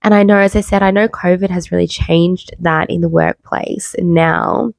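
Under-the-weather woman podcasting, creaky voice. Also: lowish voice, fairly even intonation, normal speed, no room sound. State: unwell with a cold, low energy. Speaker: podcast host, wellbeing coach. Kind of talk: personal podcast monologue. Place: bedroom, sitting on bed. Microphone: makeshift mic, not usual podcast microphone.

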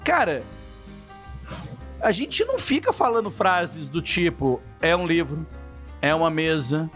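A man hosting a casual podcast English lesson, acting out example phrases in a lively way. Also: fairly high pitch, measured pace, faint music behind. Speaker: English teacher, podcast host.

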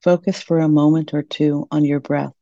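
A woman guides a meditation in a soft, soothing and gentle way. Her voice is mellow, with a creaky edge. The recording is close and dry but somewhat dull and lo-fi. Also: low voice, little pitch movement, normal speed, no echo.

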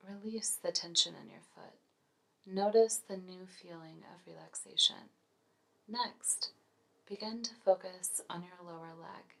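With a fairly low pitch, a woman delivers slow, calm, soothing instructions for a scripted guided relaxation. Her voice stays soft and breathy, close to a whisper.

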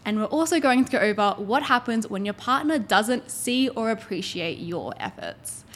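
A woman's voice: fairly high pitch, sing-song, normal speed, a bit bright. A woman hosting a relationship podcast, chatting in an upbeat, casual way. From Australia. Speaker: podcast host. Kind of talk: casual chat.

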